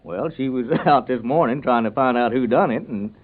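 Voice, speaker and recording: An actor playing an earnest, plain-spoken small-town neighbour with a rural Southern American accent in an old radio comedy serial. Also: male voice, medium pitch, moderate pace, close to an everyday voice. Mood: folksy, amused. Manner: folksy, earnest. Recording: narrow, tinny vintage radio recording.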